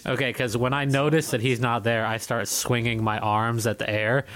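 A man playing a tabletop game, deadpan and matter-of-fact. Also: medium pitch, moderate pace. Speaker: player. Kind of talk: casual tabletop play.

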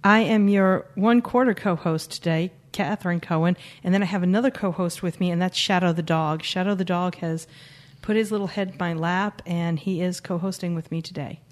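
A woman's voice: lowish voice, steady tone, fairly quick. A woman co-hosting a podcast, chatting casually and introducing guests with wry, joking asides. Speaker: podcast co-host.

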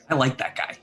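A man's voice: pushed and bright, a little hiss or hum. A man playing a tabletop game, casual and wry, joking in character. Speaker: player.

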